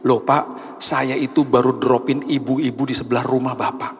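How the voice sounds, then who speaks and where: A man's voice: medium pitch, fairly even intonation, moderate pace, lightly acted. A man voicing a tearful, emotional young male driver who keeps pleading and repeating a polite form of address. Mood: amazed. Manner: pleading, repeating "Pak" after each phrase. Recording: long reverb of a large church hall.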